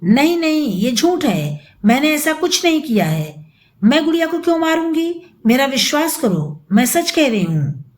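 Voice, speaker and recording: Brief: woman reading a timid stepmother in an audio story, high, anxious, begging to be believed. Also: expressive, a little slow. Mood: pleading. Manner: pleading, anxious. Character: gentle middle-aged stepmother, frightened and pleading.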